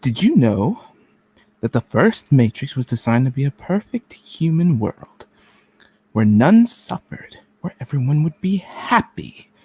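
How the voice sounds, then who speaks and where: Radio play villain, male actor: cold, contemptuous machine agent, husky and deliberate, swinging into menacing whispers, dry close sound. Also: medium pitch, very animated, dark tone, no echo, exaggerated voice. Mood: cold contempt. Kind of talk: amateur live radio play reading.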